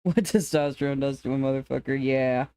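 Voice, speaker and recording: A streamer with an androgynous to femme-sounding voice, chatting casually with viewers in a rambling, relaxed way. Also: medium pitch, fairly quick, clear, resonant tone. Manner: relaxed, rambling, laughs often, restarts sentences.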